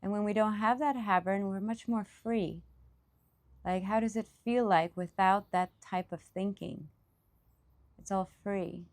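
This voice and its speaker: As a meditation teacher, a woman leads a guided meditation off the cuff, speaking in reflective, halting phrases broken by pauses. Her voice is medium-pitched and a little mellow.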